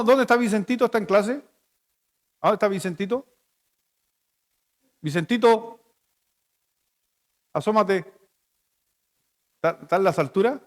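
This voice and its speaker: A high-voiced male pastor with a Chilean accent gives a playful, conversational sermon full of stories. He is speaking to his congregation in a large church hall.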